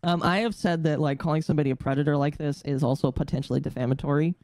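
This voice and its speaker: A man's voice: on the high side, fairly even intonation, very fast, a little mellow. A man chatting casually as a participant in a group stream. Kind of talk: casual chat.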